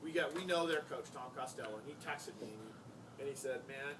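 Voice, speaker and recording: An American man, a high school basketball coach, giving an informal tribute speech in a conversational, anecdotal way with emphatic repetition. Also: fast talker. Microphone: distant microphone. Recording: noisy, distant-miked live room recording.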